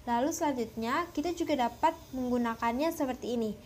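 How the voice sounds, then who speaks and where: A young woman from West Java explaining a language lesson, often pausing with filler sounds. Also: high voice, a little mellow, slight background noise. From West Java, Indonesia. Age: young adult. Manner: hesitant, many filler sounds. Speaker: language teacher.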